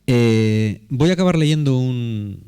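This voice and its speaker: A man's voice: mid-range voice, animated, slow, warm tone, clean tone. A man preaching a sermon in a conversational, emphatic way, often asking rhetorical questions.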